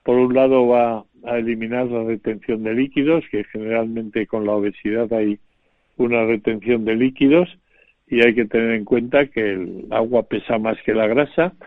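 Male doctor on a phone-thin line, measured and formal, dry sound. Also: mid-range voice, steady tone, no room sound, narrow, tinny audio. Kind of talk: radio advice.

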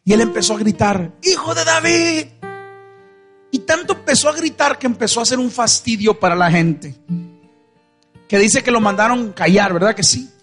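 A man's voice: high voice, normal speed, a bit bright, faint music behind. A man with a Mexican accent telling a Bible story at a church concert, asking the crowd questions and acting out voices. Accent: Mexican Spanish. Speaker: worship band singer preaching between songs.

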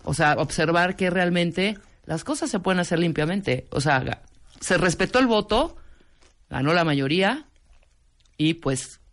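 A woman's voice: on the low side, expressive, measured pace. A woman with a Mexican accent co-hosting a radio show, chatting casually and agreeably with slangy turns of phrase. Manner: agreeable, colloquial, chimes in often. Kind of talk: casual chat on air.

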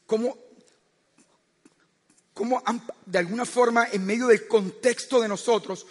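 High-voiced male preacher in a reverberant hall. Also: steady tone, measured pace. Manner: storytelling, often asks the listeners "¿sabes qué?"; frequent stammered restarts. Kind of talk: sermon.

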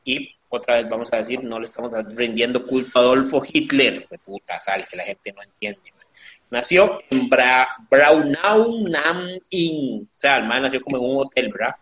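A man's voice: mid-range voice, fairly even intonation, fairly quick, fairly bright tone, roomy sound, poor audio. A man with a Costa Rican accent hosting a casual, crude comedy podcast, joking his way through a mock lecture. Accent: Costa Rican Spanish. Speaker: podcast host.

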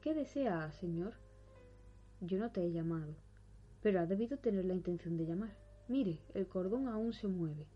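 A woman voicing a terrified male servant who speaks nervously, with a breathy voice. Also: on the low side, lively intonation, normal speed. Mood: puzzled. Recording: dull recording with faint music.

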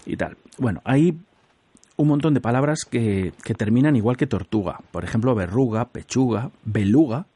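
Dark husky-voiced radio host. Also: male voice, mid-range voice, expressive, moderate pace, dry recording. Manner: chatty, laughs often, explains word origins. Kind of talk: casual radio chat.

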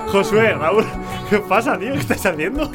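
A man's voice: sits high, lively intonation, a little fast, over music. A man, a regular on a comedy show, chatting casually. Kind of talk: casual banter.

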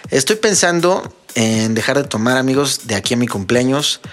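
A man's voice: medium pitch, animated, moderate pace. A young man with a Mexican Spanish accent hosting a casual solo podcast, telling funny stories and talking straight to his listeners. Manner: joking, storytelling, addresses listeners as friends. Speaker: podcast host and DJ.

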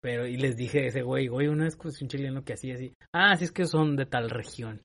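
A man with a northern Mexican accent chatting casually on a podcast, full of slang and quick to laugh. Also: medium pitch. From Monterrey, Mexico. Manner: slangy, laughs often, animated storytelling. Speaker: podcast co-host.

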